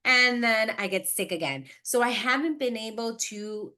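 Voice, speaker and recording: A podcast host in her late thirties speaks at a normal speed in a slightly high voice. Casual and self-reflective, she thinks out loud at length, wordily working through her ideas.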